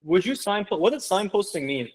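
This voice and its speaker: A young man with a slightly high voice runs an online interview-prep session. He talks in an animated, conversational way, leaning on emphasis and rhetorical questions to drive his points home. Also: brisk, low-quality recording. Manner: casual, conversational. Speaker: medical school interview coach. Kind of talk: online info session lecture.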